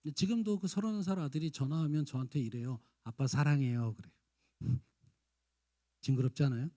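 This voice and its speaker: A fast, lively man with a fairly high voice preaches in a church sanctuary. In his fifties, he plays both parents and children, switching between scolding shouts and tender, coaxing softness.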